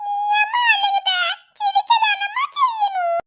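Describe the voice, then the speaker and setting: A squeaky little cartoon girl. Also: steady tone, a little slow, sharp tone, exaggerated voice. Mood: pleading. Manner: pleading, repeats "mother" often. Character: little girl, eager and anxious about baby. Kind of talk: cartoon story voice acting.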